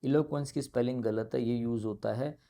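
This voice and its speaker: A man's voice: medium pitch, steady tone, fairly quick, creaky, mellow. A man teaching an exam-prep English lesson with an Indian English accent, mixing Hindi and English and spelling words out letter by letter.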